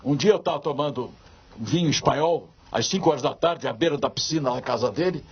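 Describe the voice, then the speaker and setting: A man's voice: medium pitch, a little fast, breathy edge. An older man with a Brazilian accent, a biographer being interviewed, telling stories and acting out the dialogue. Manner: lively storyteller who acts out dialogue. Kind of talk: anecdotal storytelling in conversation. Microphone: podcast microphone. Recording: dull lo-fi recording.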